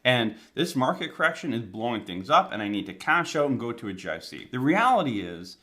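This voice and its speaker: A man's voice: mid-range voice, very animated, brisk, pushed and bright. A Canadian man giving conversational financial advice to camera, his speech slightly impeded by a numb, swollen mouth after oral surgery. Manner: emphatic, conversational, repeats key phrases. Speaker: financial planner hosting an advice channel.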